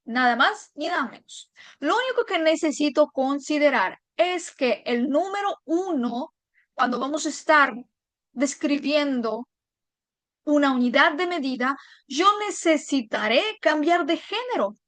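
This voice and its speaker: A woman's voice: high voice, lively intonation, unhurried, a bit bright, no echo. A woman teaching a language lesson online, explaining patiently step by step and checking in her viewers.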